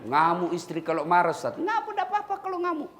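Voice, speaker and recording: Crowd noise fills the background as a middle-aged Makassar preacher speaks fast in a high-pitched voice with huge swings in pitch. His sermon is comic and story-driven, and he addresses the audience as "Pak."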